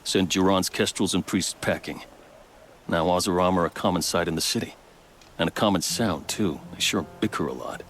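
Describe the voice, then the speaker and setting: Casting: a very deep-voiced, measured veteran captain with faint ambience. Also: male voice, a bit bright, a little hiss or hum. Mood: proud steady. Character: loyal male captain, steady veteran soldier.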